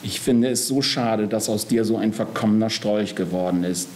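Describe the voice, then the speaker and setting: A man voicing the Soul as a gentle, sad female spirit in a storybook reading. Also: fairly low pitch, moderate pace, slight background noise, lightly acted. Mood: sorrowful. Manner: sorrowful, gentle.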